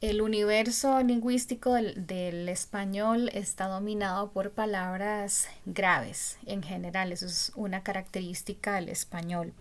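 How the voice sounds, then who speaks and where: A woman teaching a spelling lesson, patient and full of pauses, often checking understanding with a question. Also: medium pitch, steady tone. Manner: slow, patient, many pauses and fillers; asks "¿verdad?" to check understanding.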